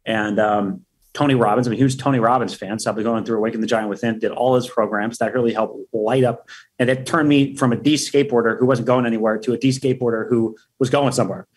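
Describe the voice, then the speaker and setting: A man with a husky, breathy voice talks fast and loose as a podcast guest. His delivery is energetic and full of swearing and big hype. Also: mid-range voice. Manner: energetic, profane, hype-driven. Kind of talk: casual interview talk.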